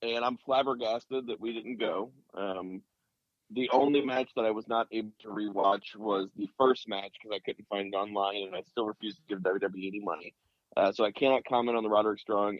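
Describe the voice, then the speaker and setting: A man's voice: fairly low pitch, steady tone, brisk, no room sound, highs cut off. A man co-hosting a podcast with wry, crude humor in casual chat. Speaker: podcast co-host.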